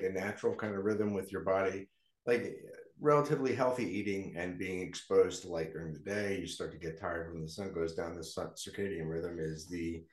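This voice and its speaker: A man hosting a casual interview, his voice ringing with a heavy canyon-like echo from a new, echoey location, often checking in with "right?" and "correct?". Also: low voice. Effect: heavy echo, like talking in a canyon. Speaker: podcast host.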